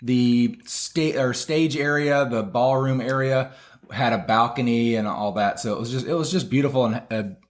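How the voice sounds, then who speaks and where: A man's voice: medium pitch, moderate pace. A man co-hosting a podcast in casual chat, easygoing and prone to rambling. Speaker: podcast co-host.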